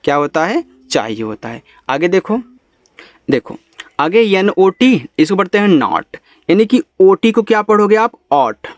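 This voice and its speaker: Man, teacher, spells words letter by letter, higher-pitched, dry recording. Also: very animated, no room sound. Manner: spells out letters slowly, then explains in Hindi. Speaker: English teacher. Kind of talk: spelling lesson.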